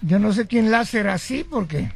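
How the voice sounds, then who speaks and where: A man playing a heckling clown sidekick with a gravelly, shrill voice on a radio comedy show. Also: expressive, moderate pace. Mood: teasing. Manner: heckling, shouting.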